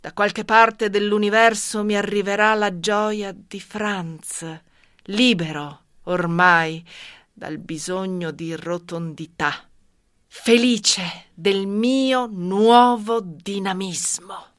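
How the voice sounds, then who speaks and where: An actress playing a greedy, scheming widow, speaking a slow, brooding inner monologue in a radio drama. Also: female voice, mid-range voice, little pitch movement, a bit bright, clear, resonant tone, dry recording, clean studio sound.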